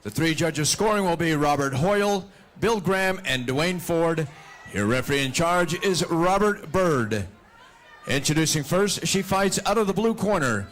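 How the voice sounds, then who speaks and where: High-pitched male boxing ring announcer, theatrically formal. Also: expressive. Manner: theatrical, drawn-out shouted fighter names. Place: casino boxing event.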